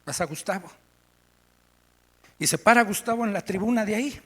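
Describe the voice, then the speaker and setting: Mexican male preacher, bright and forceful, lively storytelling in an echoey church hall. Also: high-pitched, normal speed, breathy edge. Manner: animated storytelling, asks the congregation. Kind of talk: sermon. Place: church meeting room.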